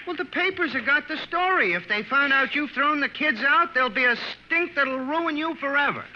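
High-pitched, animated, slick publicity man. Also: moderate pace. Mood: urgent persuading. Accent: American. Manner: slick, excitable patter. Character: fast-talking, scheming, upbeat male showbiz publicity agent. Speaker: actor. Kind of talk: old-time American radio drama acting. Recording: muffled, noisy old radio-era recording.

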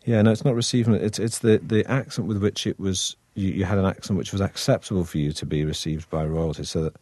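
A man's voice: low-pitched, fairly even intonation, fast, darkish tone, dry recording. A man with a Manchester accent, an actor chatting as an interview guest in a wry, hesitant way full of restarts. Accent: Manchester (northern English). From Manchester, England. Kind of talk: relaxed interview conversation.

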